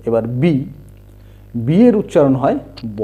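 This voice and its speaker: A man teaching English letter sounds, spelling words out and repeating the sounds slowly. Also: a little high, very animated. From India. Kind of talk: slow explanatory lesson. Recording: dull lo-fi home recording.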